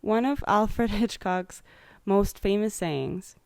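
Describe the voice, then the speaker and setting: Chatty young woman, smooth voice. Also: medium pitch, takes it slowly, darkish tone, no echo. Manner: chatty, rambling, full of likes and ums. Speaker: podcast host. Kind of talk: casual chat.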